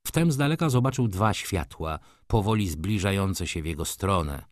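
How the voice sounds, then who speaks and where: Low-voiced man reading a classic novel. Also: expressive, no echo, clean studio sound. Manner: measured, shifting between hushed and intense. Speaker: audiobook narrator. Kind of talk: dramatic literary reading.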